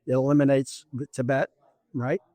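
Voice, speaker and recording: A man's voice: mid-range voice, little pitch movement, normal speed, mellow, no echo. A man running for office, talking in an interview in an emphatic, lecturing way, repeating his points. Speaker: political candidate. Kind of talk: campaign interview.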